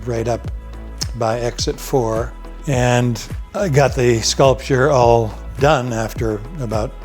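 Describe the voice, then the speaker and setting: An older man telling his story in an interview as a sculptor, in an unhurried, thoughtful way with pauses as he recalls. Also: medium pitch, darkish tone.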